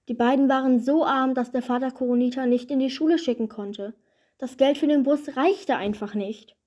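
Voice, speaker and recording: A woman reading a fairy-tale parody aloud in a calm, measured storybook manner. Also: a little high.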